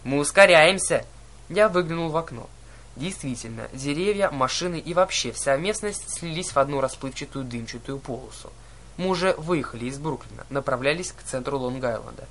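A man narrating an audiobook in a lively, expressive reading. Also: medium pitch, brisk, slight background noise. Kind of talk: scripted narration.

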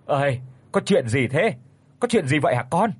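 A gruff old country father fusses and scolds in quick bursts, as a male narrator puts him on. His voice rises and falls a lot and has a slightly husky grain. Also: on the high side, very animated, dry recording, full character voice. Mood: scolding worried. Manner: scolding, fast, rustic.

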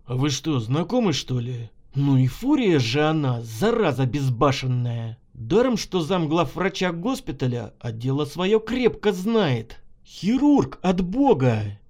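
A man doing a gruff army lieutenant colonel. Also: a little high, very animated, unhurried, darkish tone. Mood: irritated. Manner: gruff, bossy, blunt. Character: gruff middle-aged male lieutenant colonel, hot-tempered.

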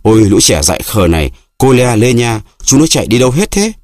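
A man reading an audiobook voices a proud, hysterical destitute widow, pleading and scolding in a raised, shrill voice. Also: sing-song, brisk, darkish tone, dry recording, studio quality, natural voice. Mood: frantic.

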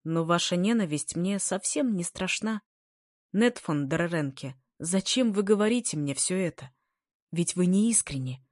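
A woman reading a story, voicing a calm, serious and honest young student. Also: on the low side, a little slow, no room sound, studio quality. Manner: calm, serious, slightly mocking.

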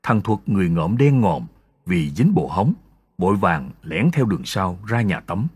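A man narrating a folk ghost story in a dramatic, expressive storytelling manner. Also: low voice, moderate pace, breathy edge, dry recording. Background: faint music.

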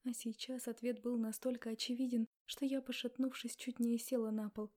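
A young adult woman narrating a novel in the first person, in an intimate, often hushed voice. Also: fairly high pitch, level tone, moderate pace. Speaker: audiobook narrator.

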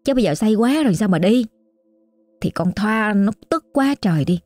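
A woman's voice: mid-range voice, lively intonation, normal speed, mellow, no echo, soft background music. Chatty Southern Vietnamese woman storyteller. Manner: chatty, colloquial, exclamatory. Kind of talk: casual oral storytelling.

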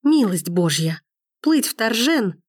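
A woman's voice: on the high side, animated, moderate pace, dry recording, studio quality, pitched above the performer's own voice, natural voice. A woman voicing a furious, hurt young woman who pleads near tears. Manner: impassioned, rising, near tears.

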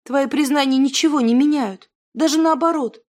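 A woman's voice: sits high, moderate pace, a little mellow, pitched above the performer's own voice, lightly acted. A woman voicing a timid, earnest young woman in love who talks shyly and pleads.

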